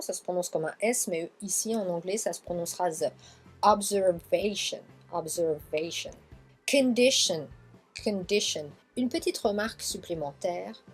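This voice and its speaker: Husky-voiced French woman, English teacher, slowly drills words, soft music underneath. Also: mid-range voice. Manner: slow, drawn-out repetition of model words. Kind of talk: pronunciation lesson.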